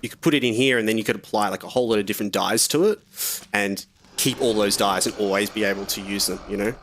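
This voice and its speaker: Slight background noise sits behind a young man talking through his game on a live stream. His low-side voice runs fast, and he sounds relaxed, rambling and filler-heavy, as well as slightly sick and sniffly.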